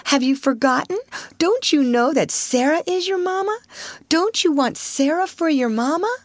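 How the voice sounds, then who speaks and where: A woman's voice: mid-range voice, big pitch swings, normal speed, dry recording, clean studio sound, voice pushed up. A woman voicing a kind, motherly schoolgirl who is self-controlled and earnest, in a storybook reading. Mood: cheerful coaxing. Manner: earnest, coaxing.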